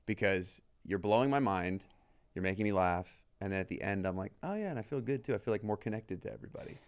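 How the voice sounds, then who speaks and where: A man's voice: lowish voice, lively intonation, fast talker, smooth. Eager, affirming podcast host man. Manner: eager, affirming, laughs along. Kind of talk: casual conversation.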